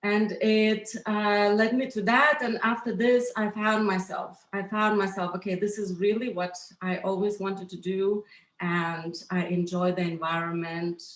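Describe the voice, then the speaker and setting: A woman from Lithuania in her thirties speaks slowly and hesitantly, filling pauses as she goes. The room around her echoes. She sounds like a guest in a relaxed interview. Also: mid-range voice. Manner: hesitant, many fillers and restarts, soft laughs. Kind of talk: casual interview.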